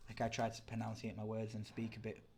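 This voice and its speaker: Chatty young British man, low voice. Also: completely flat delivery, quick pace, a little mellow. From Britain. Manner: chatty, rambling, answers viewer chat. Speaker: livestreamer. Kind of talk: casual chat while gaming live.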